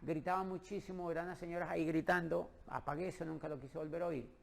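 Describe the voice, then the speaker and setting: A middle-aged man from Colombia tells a personal story with lively energy and acts out the quoted dialogue. His voice is gravelly and sits a little high for a man. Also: fast talker. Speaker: speaker telling his own business story.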